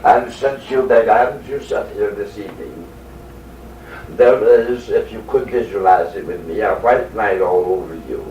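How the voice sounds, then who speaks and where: A man voicing a male spirit teacher at a seance, speaking in a measured, instructive way. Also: lowish voice, a little mellow, close to an everyday voice. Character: calm male spirit teacher guiding a sitter. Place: dark seance room. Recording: distant, echoey, hissy cassette.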